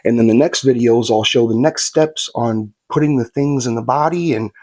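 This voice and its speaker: A guitar kit builder narrates a how-to build as he works, laid-back and folksy, and a bit sniffly from a slight cold. His medium-pitched voice has a darkish tone and moves at a moderate pace.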